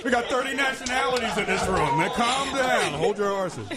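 A man's voice: extremely high pitch, animated, moderate pace. A man hosting a casual church group interview, jovial and informal, often repeating himself. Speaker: discussion host in a church. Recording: noisy room with crowd sound.

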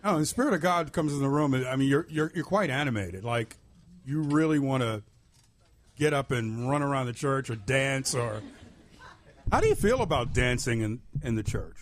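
A man's voice: medium pitch, expressive, moderate pace. A man hosting a casual church group interview, jovial and informal, often repeating himself. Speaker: discussion host in a church. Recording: noisy room with crowd sound.

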